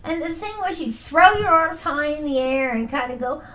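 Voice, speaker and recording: A woman being interviewed in a casual family conversation, talking in an animated, playful way with frequent laughter. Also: high-pitched, normal speed. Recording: roomy recording with faint noise.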